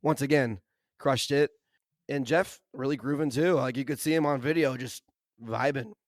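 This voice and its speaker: A hoarse man with laryngitis, co-hosting a podcast in casual, enthusiastic chat full of "like" and "kinda". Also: mid-range voice, normal speed, no echo, studio quality. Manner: enthusiastic, uses lots of "like" and "kinda". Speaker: podcast co-host.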